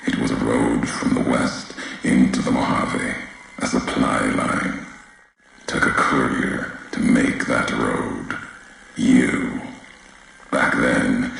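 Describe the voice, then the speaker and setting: An actor voices a brooding, vengeful wasteland courier in a video game, his gravelly male voice extremely low yet a bit bright. He speaks gravely and deliberately in clipped, cryptic phrases, heavily acted, with a somber, world-weary mood. The rough recording is very echoey, with a little hiss or hum.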